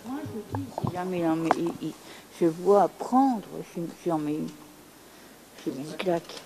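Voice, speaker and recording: A woman's voice: lowish voice, lively intonation, normal speed, background noise. A middle-aged woman from France speaking frankly and bluntly about her past, repeating herself for emphasis. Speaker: interviewee. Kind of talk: candid testimony.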